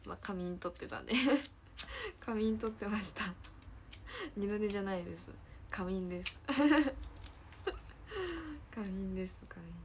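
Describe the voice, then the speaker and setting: A teenage idol trainee from Hyogo, Japan, livestreams in a Kansai accent, giggling often and repeating her own phrases as she reads viewer comments. Her mid-range voice is expressive and measured, with long pauses and a noisy background.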